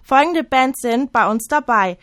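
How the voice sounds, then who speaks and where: A young woman presents a colloquial, scripted promo for youth radio. Her pitch is a bit high. The sound is very dry, with no room around it. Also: animated, unhurried, a bit bright, no room sound. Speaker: volunteer concert organizer.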